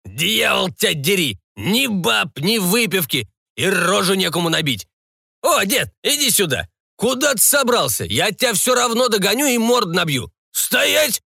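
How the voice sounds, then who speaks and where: A rowdy pirate ghost, drunk and bullying, put on by a male reader. His slurred voice rides high and leaps about. It sounds close and dry. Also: huge pitch swings, moderate pace, pushed and bright, husky, no echo, exaggerated voice. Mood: furious.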